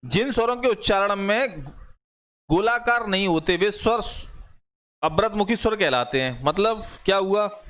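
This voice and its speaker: A man's voice: sits high, lively intonation, unhurried, a bit bright. A man teaching an online grammar class, explaining step by step, repeating examples aloud and asking the class rhetorical questions.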